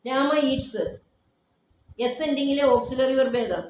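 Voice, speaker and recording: A woman's voice: high voice, unhurried, darkish tone. Woman teacher in a very echoey classroom. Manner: quizzing, repeats answers back, firm. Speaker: English grammar teacher. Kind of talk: classroom drilling with questions. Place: classroom with students. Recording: very echoey room, faint background noise.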